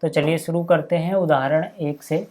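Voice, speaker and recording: A man teaching a maths lesson step by step, dictating numbers slowly and checking in constantly with his students. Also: fairly high pitch, fairly even intonation, a little mellow.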